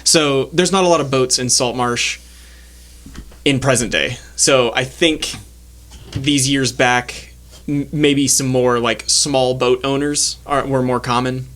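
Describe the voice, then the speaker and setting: Guy running a tabletop game, loose and rambling, lots of uhs, mid pitch. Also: fairly even intonation, slow, a bit bright. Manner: loose, filler-heavy. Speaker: game master.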